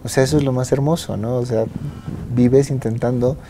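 A woman's voice: very deep voice, fairly even intonation, moderate pace, music in the background. A woman interviewing a guest, mostly agreeing briefly and adding reflective remarks. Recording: noisy background.

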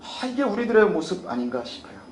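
A man delivers a sermon with a high-pitched voice, questioning his listeners as he goes. He puts on the pleading tone of people praying. The recording is roomy and echoey, with a faint hiss underneath. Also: expressive, a little fast. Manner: asks the congregation questions, acts out prayers in a higher voice. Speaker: pastor.

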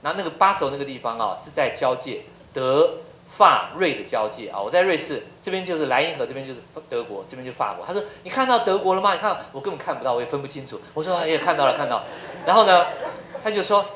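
A man's voice: medium pitch, animated, fast talker, a bit bright, slight background noise. A middle-aged man from Taiwan, a professor giving a lecture full of humorous anecdotes and rhetorical questions. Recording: roomy lecture hall.

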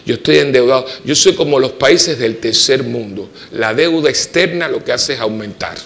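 A man with a Puerto Rican accent, a parish priest preaching a homily full of personal stories, swinging from emphatic peaks to soft, quiet asides. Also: medium pitch, moderate pace, creaky. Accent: Puerto Rican Spanish. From Puerto Rico. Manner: animated storytelling, rising to emphatic peaks and dropping to soft asides. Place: church.

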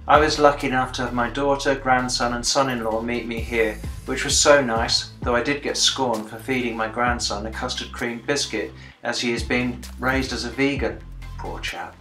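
This reflective narration comes from a sixty-something British veteran documenting a commemorative bike ride in a video diary, plainly and with dry understatement. His mid-range voice is pushed and bright at normal speed, in an echoey room with faint music behind and low recording quality.

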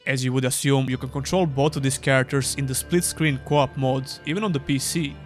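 A man's voice: medium pitch, steady tone, fairly quick, faint music behind. Sarcastic young man reviewing games. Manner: dry, sarcastic. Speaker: gaming YouTuber. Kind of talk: scripted game review voice-over.

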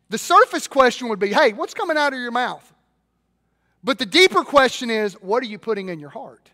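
High-voiced Southern pastor preaching in a hall. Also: male voice. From Mississippi. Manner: lively, swings from loud to hushed. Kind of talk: sermon. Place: large church hall. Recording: long reverb of a large hall.

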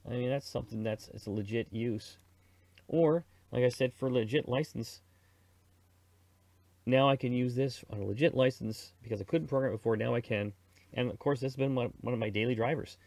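A middle-aged Canadian presenter runs through radio software in a casual screen-recorded tutorial, informal and slangy, talking through his thoughts as he goes. He speaks fairly quickly in a slightly mellow mid-range voice with vocal fry, and the recording is dry.

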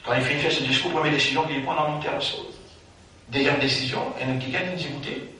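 A man preaching a Ramadan sermon, swinging between loud declarations and quiet asides, recorded from far off in an echoing hall. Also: medium pitch, steady tone, fast talker, slight background noise.

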